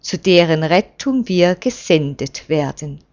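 A woman reading aloud and voicing an old male envoy who speaks in a firm, measured, reproving way, on a dull lo-fi recording. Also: low-pitched, lively intonation, darkish tone. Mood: commanding.

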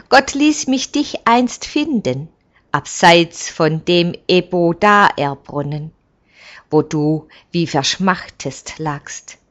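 A woman voicing an old male village elder who speaks in a firm, measured and kindly commanding way. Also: mid-range voice, dull audio, voice pushed up.

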